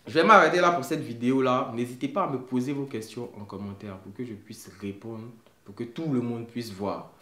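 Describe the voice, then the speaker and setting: Man, conversational advice vlog, middle pitch, roomy echo. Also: brisk, sharp tone. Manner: conversational, checks in with viewers often. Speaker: study-abroad consultant. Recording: roomy echoey room sound.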